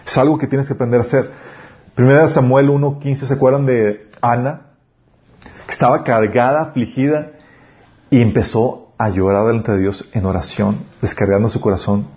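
A male pastor preaches in an easy, conversational way. He often stops to ask the congregation rhetorical questions. His voice sits at an ordinary pitch, and the recording sounds a little dull and lo-fi. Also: fairly even intonation, moderate pace. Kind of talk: sermon.

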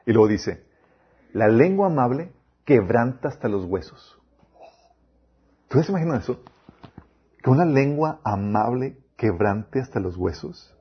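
A man delivers a sermon in a husky, slightly breathy voice, often putting rhetorical questions to his listeners. His pitch sits in an ordinary middle range. The recording sounds a little dull and muffled. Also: sing-song, measured pace, long pauses. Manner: addresses listeners as "chicos", quotes scripture, rhetorical questions. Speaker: preacher.

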